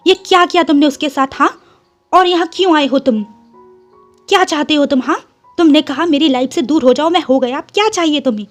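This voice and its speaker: Fed-up young man, shouts, high voice; woman narrator reads him. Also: faint music behind. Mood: angry. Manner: shouting, sharp rapid questions.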